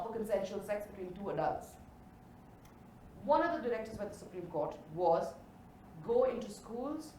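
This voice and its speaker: A woman's voice: mid-range voice, darkish tone. A woman with a posh, educated Indian accent speaking with conviction in a panel discussion. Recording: echoey, noisy room, distant mic.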